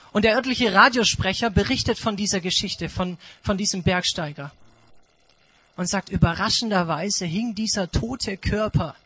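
A male preacher tells a sermon story with emphatic, dramatic pacing and pauses. His voice sits high and bright, with a husky edge. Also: rough recording.

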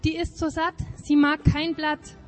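A woman's voice: sits high, little pitch movement, measured pace, faint music behind, pitched above the performer's own voice. A woman reading an eager young son. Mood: reassuring.

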